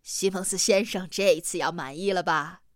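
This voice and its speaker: A woman reading an audiobook, voicing a loud, hard-drinking male expedition leader with a blunt, boisterous manner. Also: on the low side, normal speed, no room sound, studio quality, natural voice. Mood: boastful.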